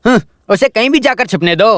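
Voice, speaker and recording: A man dubbing a loud fish seller. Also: high voice, expressive, a little fast. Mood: rude. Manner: loud hawking, rude. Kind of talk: Hindi film dubbing.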